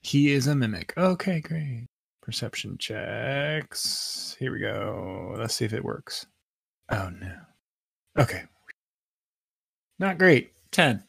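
A man's voice: medium pitch, animated, takes it slowly, gravelly, pauses often, a bit bright, husky, no room sound, clean studio sound. A man playing a tabletop game, thinking aloud in an easygoing way. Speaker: player. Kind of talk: casual tabletop game play.

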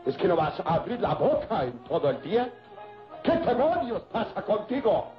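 Hulking German bandit, coarse and mocking, swooping pitch, slow drawl, radio drama, dull lo-fi sound. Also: male voice, very animated. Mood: taunting. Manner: coarse brutal laughter, taunting, drawn-out delivery. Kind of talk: old radio drama acting. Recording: dull lo-fi radio recording with music.

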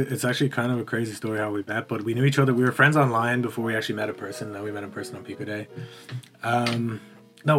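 A man with a West of Ireland accent chatting casually as a podcast guest, telling stories in a rambling, stop-start way. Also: medium pitch. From Galway, Ireland. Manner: rambling, animated storyteller with stop-start phrasing. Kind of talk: casual comedic chat.

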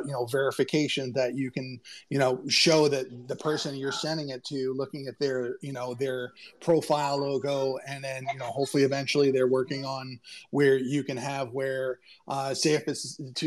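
A man with a mid-range voice chatting casually as co-host of an online audio show. He keeps filling his sentences with "you know" as he explains things. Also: mid-range voice. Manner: leans heavily on "you know". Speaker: co-host of a crypto talk show. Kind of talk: casual chat.

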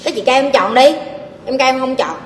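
A woman with a Southern Vietnamese accent answering audience questions in a live Q&A, blunt, forceful and scolding. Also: high-pitched, fast, a little hiss or hum. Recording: echoey hall, faint ambience.

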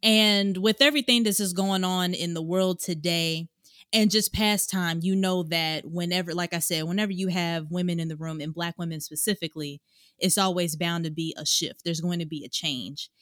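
An upbeat woman hosts a casual podcast, talking in a slightly low voice. The sound is dry and close, with no room echo behind her. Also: fairly even intonation, moderate pace, fairly bright tone. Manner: chatty, upbeat, says "y'all" often. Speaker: podcast host.

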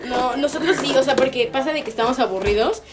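A woman chatting as a podcast co-host, an animated storyteller who laughs often. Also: sits high, fast talker, music in the background. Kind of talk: casual chat.

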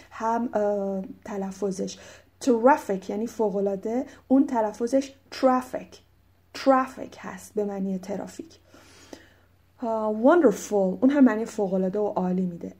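Woman, Persian accent, English teacher, patient explaining, slow clear English examples, mellow tone. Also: medium pitch. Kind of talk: explaining vocabulary.

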